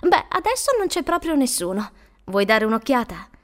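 A woman voicing a cheerful young woman who speaks in a brisk, reassuring way. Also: a little high, very animated, fairly bright tone.

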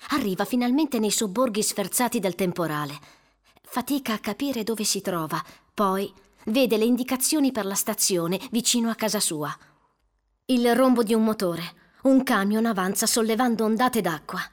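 A woman narrating a suspenseful audiobook in a measured, dramatic storytelling manner. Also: mid-range voice.

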